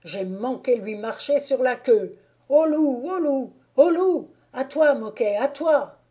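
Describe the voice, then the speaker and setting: A woman reading an audiobook and voicing a male village game warden who shouts calls across the woods. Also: medium pitch, measured pace, natural voice. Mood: alarmed.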